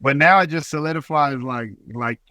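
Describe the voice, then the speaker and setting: A man's voice: a little high, moderate pace, pushed and bright, dry recording, dull audio. A man in casual hip hop chat, rambling and slangy, repeating his words. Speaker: podcast co-host.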